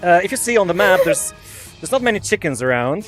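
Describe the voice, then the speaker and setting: Game master, streamed tabletop game, chatty, giggly, animated delivery. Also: mid-range voice, fast talker, faint music behind. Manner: chatty, often breaks into laughter.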